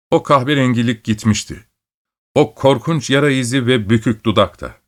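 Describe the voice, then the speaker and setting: A man reading a story aloud as an audiobook narrator, in a steady, measured storytelling manner. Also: medium pitch. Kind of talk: scripted narration.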